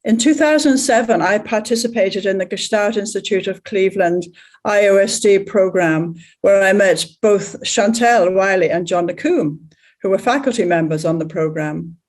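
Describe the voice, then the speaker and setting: A woman from Ireland, a facilitator speaking in a steady, deliberate way. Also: medium pitch. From Northern Ireland. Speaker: Gestalt practitioner and facilitator. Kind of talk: prepared video message.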